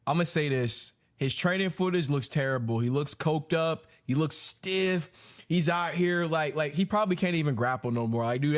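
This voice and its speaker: Rambling man, fairly high voice. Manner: rambling and animated, with many fillers. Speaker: podcast co-host. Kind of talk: casual chat.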